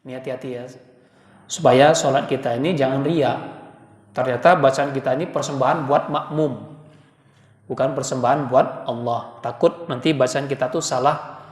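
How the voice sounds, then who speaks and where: A man's voice: medium pitch, fairly even intonation, moderate pace. A man with an Indonesian accent, a Quran teacher leading a class and sounding out letters. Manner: chants and demonstrates letter sounds. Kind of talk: teaching class, call and response. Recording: echoey hall, long reverb.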